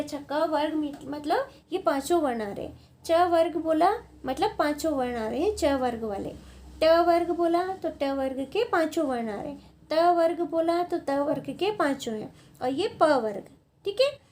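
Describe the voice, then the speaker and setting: A woman with a notably high voice teaches a grammar class at a board. She talks patiently, repeating points and checking in with the students. Her delivery sounds like a lesson that is walked through step by step. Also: darkish tone. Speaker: Sanskrit teacher.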